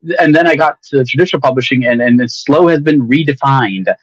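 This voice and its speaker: A man's voice: medium pitch, brisk, husky, dry recording, dull audio. A man speaking as a guest author in a casual livestream conversation, rambling along in a candid, self-deprecating way.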